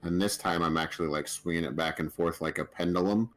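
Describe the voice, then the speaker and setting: A man playing a tabletop game, explaining his character's actions in a halting, casual way. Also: deep voice, steady tone, faint music behind. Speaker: player.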